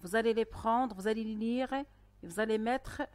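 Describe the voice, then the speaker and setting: Woman teacher for a primary school lesson, higher voice, very slow and careful, dry close sound. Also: darkish tone, dry recording. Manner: slow, careful dictation-style delivery with pauses. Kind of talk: recorded online lesson.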